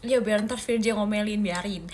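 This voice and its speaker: A woman's voice: mid-range voice, a little fast, a little mellow, a little hiss or hum. A young woman from Indonesia hosting a casual phone livestream, chatting playfully with viewers and teasing them. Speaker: idol livestream host. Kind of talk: casual livestream chat answering viewer comments.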